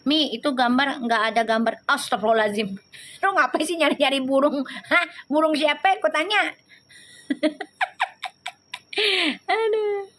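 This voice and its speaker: A woman's voice: high voice, fairly bright tone. A woman hosting a live tarot reading, chatting and teasing her viewers as she reads their comments. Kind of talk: casual live-stream tarot reading and chat.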